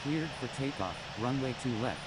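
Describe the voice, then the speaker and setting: A man speaking as a pilot over a cockpit radio transmission, reading back clearances in clipped, even aviation phraseology. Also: mid-range voice, normal speed. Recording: noisy, distant radio transmission.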